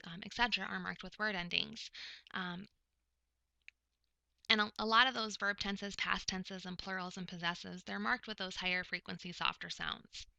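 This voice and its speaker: A woman giving a recorded lecture, explaining topics step by step in a measured way with frequent pauses. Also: medium pitch, vocal fry, sharp tone, no echo, poor audio. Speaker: presenter explaining speech of the hard of hearing.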